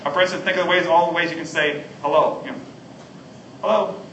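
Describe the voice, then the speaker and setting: A man's voice: on the high side, level tone, rapid-fire, sharp tone, dull audio, a little hiss or hum. A middle-aged man preaching a sermon as a pastor, earnest and conversational, with frequent ums. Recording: echoey room, mic at a distance.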